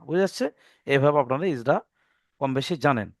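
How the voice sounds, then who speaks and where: A man teaching an online reading lesson, patiently spelling out letters and vowel marks step by step and drawing out the recited words slowly. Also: medium pitch, animated, dry recording, studio quality.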